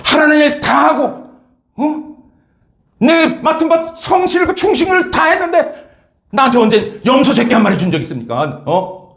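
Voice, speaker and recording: A man voicing a resentful adult elder son who complains loudly and huffs at his father in a sermon. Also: extremely high pitch, big pitch swings, moderate pace, reverberant, pitched above the performer's own voice, exaggerated voice. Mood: indignant.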